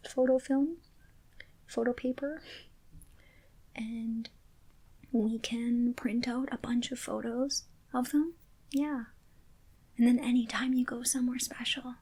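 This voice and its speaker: In a comforting ASMR roleplay, a woman reassures the listener in a soft, gentle whisper. Her voice is a little high and husky, and the recording is rough.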